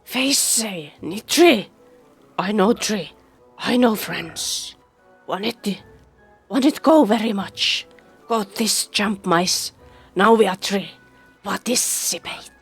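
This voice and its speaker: A woman's voice: mid-range voice, animated, a bit bright, slightly rough, soft background music, heavily acted. A woman voicing a timid little kobold. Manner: halting broken phrases. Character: kobold, small timid creature, broken speech.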